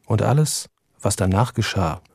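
Male narrator, wry audiobook reading, close and dry, warm tone. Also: on the low side, expressive, normal speed, gravelly, slightly rough, dry recording. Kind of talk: reading fiction aloud.

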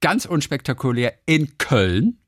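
Male podcast co-host, casual jokey chat, animated pitch, dry close mic. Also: unhurried, no room sound. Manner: reads listener mail aloud, jokey.

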